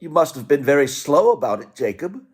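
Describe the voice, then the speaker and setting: A querulous old male miser in a theatrical radio play. His voice is rough-edged and fairly high, swinging dramatically up and down as he argues and frets. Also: sing-song, brisk. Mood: questioning. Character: skeptical, frightened old miser, cantankerous.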